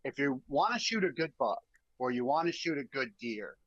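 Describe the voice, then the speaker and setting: A man guesting on a podcast, telling stories casually in an animated, emphatic way, often repeating words. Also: medium pitch, moderate pace, no room sound, muffled recording. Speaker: guest, bear hunting guide. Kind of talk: casual storytelling.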